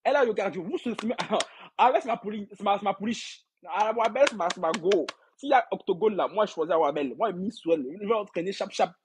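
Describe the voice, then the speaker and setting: On a laid-back gossip livestream, a high-voiced man reads out comments from viewers at a slightly quick pace, with some background noise audible. He addresses his audience directly, rambling, repeating himself and laughing frequently.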